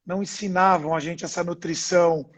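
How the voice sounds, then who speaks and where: Brazilian man, high-pitched husky voice, earnest guest explaining. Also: fairly even intonation, a little fast. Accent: Brazilian Portuguese. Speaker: guest, father. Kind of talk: casual video-call chat.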